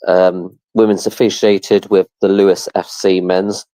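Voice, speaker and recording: A relaxed English co-host with a low, mellow voice, running through a brief club history. He speaks casually with the odd "um". The recording is dry and close. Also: unhurried, no room sound, low-quality recording. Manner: relaxed, brief reports with fillers. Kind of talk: casual livestream chat.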